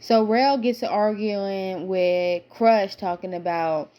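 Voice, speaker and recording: A woman's voice: mid-range voice, slow, lo-fi sound. Chatty slangy woman recapping reality TV. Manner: chatty, slangy, animated storytelling. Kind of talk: casual reality-show recap.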